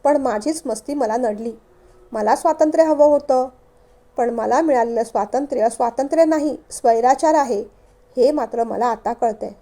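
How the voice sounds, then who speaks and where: A woman's voice: fairly high pitch, moderate pace, warm tone, lightly acted. A woman reading the part of a remorseful divorced man who pleads earnestly for another chance.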